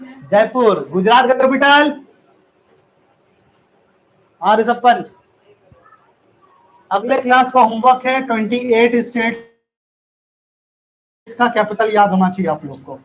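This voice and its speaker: High-voiced teasing male classroom teacher. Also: poor audio. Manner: teasing, drills students with quick repeated questions. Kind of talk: classroom lecture. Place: classroom with students.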